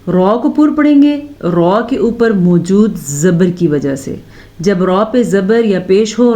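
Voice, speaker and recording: A woman teaching Quran recitation, who explains step by step, points out common mistakes and recites phrases slowly with long held sounds. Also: medium pitch, dark tone, highs cut off. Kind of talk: slow step-by-step recitation lesson.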